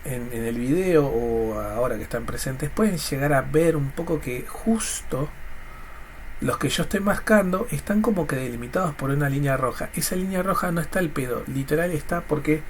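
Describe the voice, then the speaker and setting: A man's voice: a little high, normal speed. A man with a Rioplatense accent and a congested, snotty nose, teaching informally in a colloquial, jokey way. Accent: Rioplatense Spanish. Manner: colloquial, jokey, voices students' questions and answers them. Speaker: chemistry teacher. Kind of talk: informal recorded lesson. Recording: clear background noise. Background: noise.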